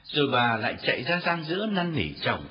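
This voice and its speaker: A man narrating a novel as an audiobook in an expressive storytelling reading. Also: on the high side, a little fast, a crowd in the background. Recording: dull lo-fi recording with faint music.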